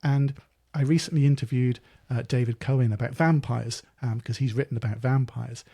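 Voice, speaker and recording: A man's voice: mid-range voice, fairly even intonation, moderate pace, creaky, warm tone, husky. A man hosting a podcast who asks thoughtful, rambling questions in a conversational way. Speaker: podcast host. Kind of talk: interview chat.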